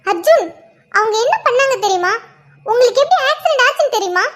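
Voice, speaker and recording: A woman's voice: very high-pitched, animated, fast talker. A woman voicing a furious young wife in a cartoon drama, accusing and scornful. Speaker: cartoon character voice.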